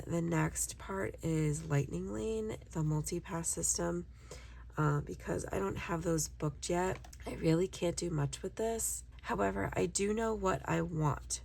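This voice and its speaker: A young woman, a little hoarse, chatting casually to viewers while working on a trip planner. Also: lowish voice, a little mellow. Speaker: vlogger.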